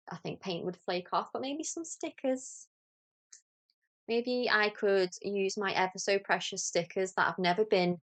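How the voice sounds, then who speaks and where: A woman from Liverpool with a Scouse accent, hosting a knitting podcast in a chatty, rambling, self-deprecating way. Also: mid-range voice. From Liverpool, England. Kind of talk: casual chat to camera.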